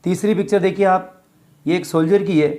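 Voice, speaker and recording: A man from India teaching an English workbook lesson, reading sentences slowly and explaining them in Hindi. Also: sits high, fairly even intonation, dark tone.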